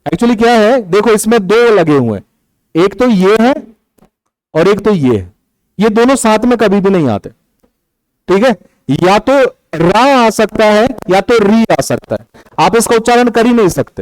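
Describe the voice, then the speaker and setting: High-voiced man teaching a class. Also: darkish tone, no room sound, poor audio. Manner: patient, explains step by step and counts syllables aloud. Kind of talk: classroom lecture on Hindi prosody.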